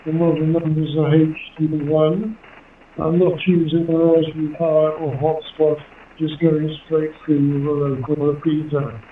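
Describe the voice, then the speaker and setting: A man's voice: a little high, flat delivery, unhurried, roomy sound, far from the mic. A man from Jersey in the Channel Islands chatting and giving call signs as a ham operator over two-way radio. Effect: two-way radio transmission. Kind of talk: ham radio contact, phonetic spelling and casual chat. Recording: tinny handheld radio through repeater, faint hiss.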